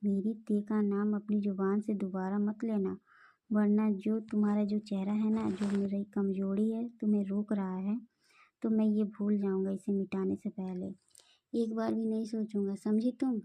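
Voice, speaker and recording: A hot-tempered young mafia king, possessive and threatening, voiced by a woman storyteller. The voice is dark and mellow. Its pitch stays flat and even. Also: a little slow, no echo. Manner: threatening, then tender.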